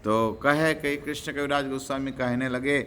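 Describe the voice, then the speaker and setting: A man's voice: mid-range voice, fairly even intonation, moderate pace, sharp tone, slight background noise. A man preaching a devotional lecture, telling stories animatedly, acting out characters and chanting verses.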